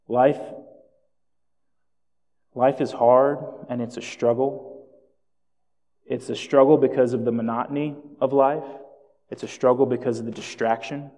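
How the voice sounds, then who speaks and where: A Jamaican-born man raised in South Florida preaches a sermon as a pastor, telling stories with self-deprecating asides. His voice sits in the mid range with a dark tone, and a long hall reverb surrounds it.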